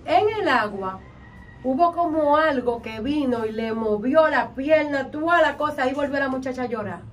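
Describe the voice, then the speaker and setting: Dominican woman, high voice, vivid storyteller, acts out her own lines, mic far off with faint noise. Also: moderate pace. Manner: animated, acts out quotes and chants. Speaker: vodou practitioner guest. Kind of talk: storytelling in an interview.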